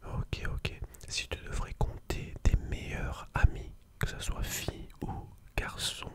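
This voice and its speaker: An ASMR host whispering intimately right into the listener's ear, giving slow, soothing, gentle instructions.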